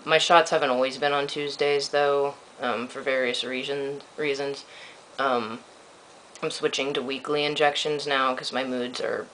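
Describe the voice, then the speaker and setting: A man gives a casual video diary in a reedy voice with a bright edge and plenty of creak. He is dry and blunt, quick to put himself down. The sound is amateur camera audio with faint noise behind it. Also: rough recording. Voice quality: reedy, slightly squeaky breaking voice. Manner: dry, self-deprecating, blunt. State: sore throat. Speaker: video blogger giving a personal update. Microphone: built-in microphone of an old point-and-shoot camera.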